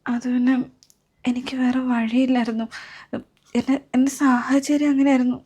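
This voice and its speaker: A woman playing a hesitant, guilt-ridden young wife who speaks haltingly, in a web series drama. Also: high voice, level tone, warm tone. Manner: halting, hesitant, faltering speech.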